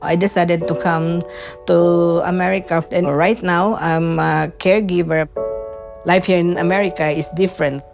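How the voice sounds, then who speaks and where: A woman's voice: fairly low pitch, level tone, moderate pace, vocal fry, over music. An older woman from Cebu with a Filipino accent, an earnest caregiver speaking in a documentary interview. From Cebu, Philippines.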